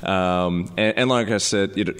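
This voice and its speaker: A man in his late twenties with a low-pitched voice reminisces casually as a guest. He pokes fun at himself and often stalls and repeats words mid-sentence. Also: a bit bright, clean tone. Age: late 20s. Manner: self-mocking, halting with repeated words. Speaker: podcast guest. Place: living room, indoors.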